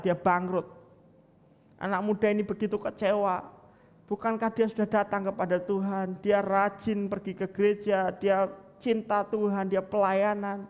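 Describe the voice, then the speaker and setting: A man preaching a sermon as pastor, telling a story with lively acted-out quotes and often addressing the congregation directly. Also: high voice. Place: church sanctuary. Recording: long hall reverb in a church.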